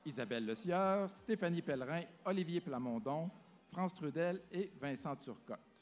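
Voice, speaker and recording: A man's voice: a little high, expressive, moderate pace. A man presenting a school science award, steadily reading out the teachers' names. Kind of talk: ceremony announcing.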